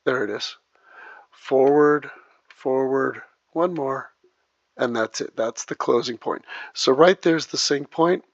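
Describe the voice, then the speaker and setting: A man walks through a video editing job click by click, his voice gravelly with a creaky edge. The track has a low sample rate, so it sounds dull and lo-fi. It is also dry and close, with no room around it. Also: takes it slowly, dry recording. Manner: talks through each click as he works. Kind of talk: step-by-step screen tutorial.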